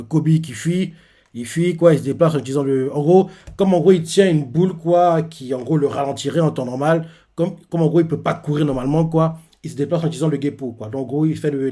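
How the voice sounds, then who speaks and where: A man's voice: mid-range voice, mellow. A young man casually retelling a manga chapter during a live reaction, hesitating often and padding his sentences with fillers. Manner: hesitant, filler-heavy retelling with many pauses.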